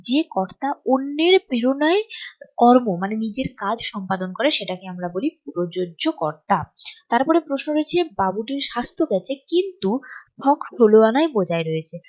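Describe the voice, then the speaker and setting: A woman's voice: a little high, animated, a little fast, a little mellow. Bengali woman teacher explaining step by step. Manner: explains step by step, keeps checking with students. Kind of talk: exam-prep lesson.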